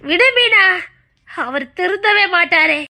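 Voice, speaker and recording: A woman's voice: extremely high pitch, lively intonation, slow, creaky, sharp tone, heavily acted. A woman voicing a self-pitying, tearful mother-in-law in a comic fan dub, with a Tirunelveli Tamil accent and a whining delivery.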